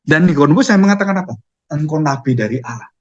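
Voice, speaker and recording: A man's voice: on the high side, lively intonation, quick pace, dull audio. A man preaching a sermon, firing off questions and answering them himself.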